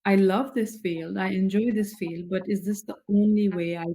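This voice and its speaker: A woman's voice: mid-range voice, steady tone, warm tone, poor audio. Thoughtful woman from Nepal. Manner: thoughtful, measured, with many "you know" fillers. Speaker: guest scientist. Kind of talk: casual interview answers.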